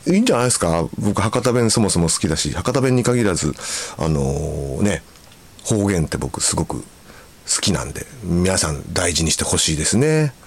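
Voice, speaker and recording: A man hosting a radio show. He reads listener mail and chats in an easygoing way, with soft fillers and pauses. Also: sits low, big pitch swings, breathy edge. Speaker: radio host.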